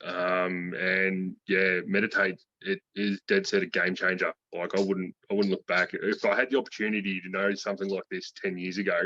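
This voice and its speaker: A man's voice: deep voice, level tone, normal speed, few pauses, sharp tone, dry recording. A man, giving a casual interview in slangy, laid-back speech. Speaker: interviewee, programme graduate. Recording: dull lo-fi call audio.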